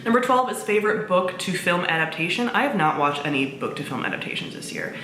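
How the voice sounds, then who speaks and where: An animated woman with a lowish, fairly bright voice talks quickly to camera as a book reviewer, gushing informally and swearing a bit. The echoey room carries faint background noise.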